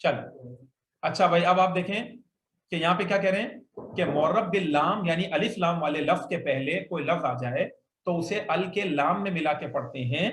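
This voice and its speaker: A man's voice: a little high, normal speed, a bit bright. A male Arabic grammar teacher who patiently explains the rules and has his students repeat words back to him. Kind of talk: classroom lesson with call-and-response drills. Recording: echoey room, faint noise.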